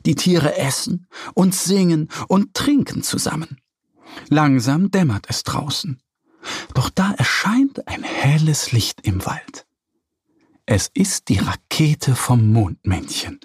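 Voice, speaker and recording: A man reading a children's story aloud with calm, expressive storytelling. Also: a little high, slow pace, breathy edge, no room sound, clean studio sound. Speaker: narrator.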